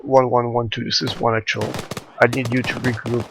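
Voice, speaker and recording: Flat, terse man giving military orders. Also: medium pitch, vocal fry. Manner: terse, procedural, pausing with uhs. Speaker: squad leader in an online military game. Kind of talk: military radio commands during gameplay. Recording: noisy, gunfire behind the voice.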